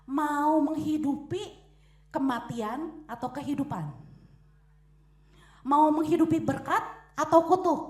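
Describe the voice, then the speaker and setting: A young woman preaching a lively sermon in a church hall, acting out quotes and echoes. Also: sits high.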